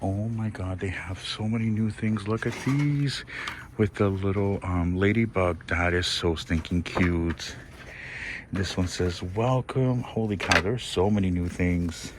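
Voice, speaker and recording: A man hosting a casual shop-with-me vlog inside a discount store, talking in a gushing, excitable way into a handheld phone. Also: low-pitched, a little slow, background noise. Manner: gushing, excitable, exclaims and laughs often. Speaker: shopping vlog host.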